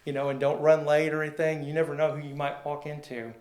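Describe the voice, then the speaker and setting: A man tells long, rambling stories as a guest, slipping into the voices of the people he quotes. His voice sits a little high for a man. The room rings with a clear echo around him. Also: little pitch movement, fast, a little mellow. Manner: rambling, folksy, acts out quoted dialogue. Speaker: sports photographer guest. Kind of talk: casual storytelling interview. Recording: roomy echo.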